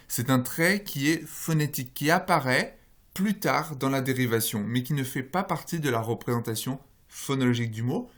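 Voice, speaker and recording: A man's voice: medium pitch, a bit bright. A man lecturing step by step on phonology. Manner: explanatory, walks through slides and tables step by step; frequent "euh" fillers and self-corrections. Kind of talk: recorded university lecture.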